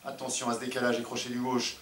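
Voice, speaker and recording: A man's voice: mid-range voice, monotone, fast, noisy background. A man giving live combat sports commentary for a broadcast. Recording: echoey, distant, loud music behind.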